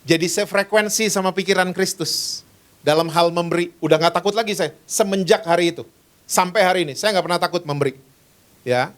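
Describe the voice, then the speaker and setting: A man's voice: sits high, a little fast. A male pastor in his fifties preaching a sermon in church, telling a personal story and acting out the voices in it. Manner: storytelling, animated, acts out voices in quotes.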